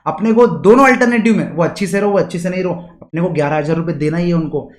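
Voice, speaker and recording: A man's voice: high voice, fast talker, reverberant. A man giving an exam revision lecture, who keeps asking rhetorical questions and uses everyday examples. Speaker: teacher.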